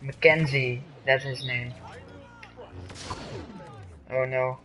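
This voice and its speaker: A man's voice: mid-range voice, level tone, very slow, bright, forceful tone. A man giving casual commentary while playing a game on a livestream, often exclaiming as he reacts. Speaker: streamer.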